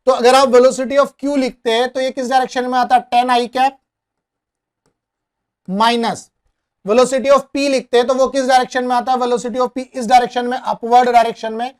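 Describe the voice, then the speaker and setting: A male physics teacher working a problem on the board, mixing English terms into his speech and repeatedly asking the class whether it is clear. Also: very high voice. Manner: asks the class frequent rhetorical check questions; mixes English terms into Hindi, calls students brother. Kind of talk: whiteboard problem-solving lesson.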